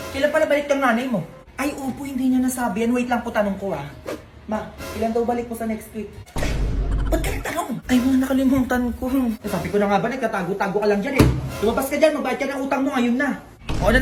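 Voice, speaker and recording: A woman from the Philippines performing brash, bickering comedy skit dialogue, teasing and scolding. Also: fairly high pitch. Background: background music.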